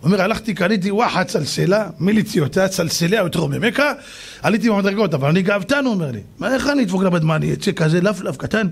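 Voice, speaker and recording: A rabbi with a high voice preaches in a storytelling style. His pitch swings widely as he acts out each person in the story with lively, dramatic delivery. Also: gravelly, slightly rough. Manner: animated, acts out the people in his stories. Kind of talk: storytelling sermon.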